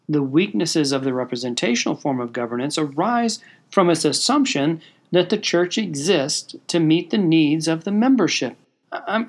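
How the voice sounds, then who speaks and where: A man hosting a church podcast, reading a prepared talk with dry, wry humor. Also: on the high side. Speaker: podcast host.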